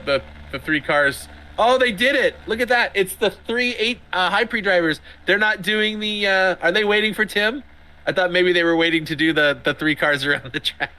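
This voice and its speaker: A middle-aged man giving chatty, excitable sim racing commentary, often laughing. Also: fairly high pitch. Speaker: race commentator.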